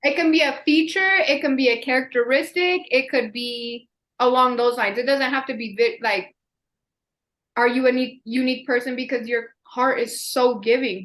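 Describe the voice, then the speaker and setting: A woman's voice: on the high side, fairly even intonation, normal speed, a bit bright. A young woman co-hosting a vlog, chatting casually and in slang with a friend. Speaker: vlog co-host. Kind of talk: casual chat Q&A between friends.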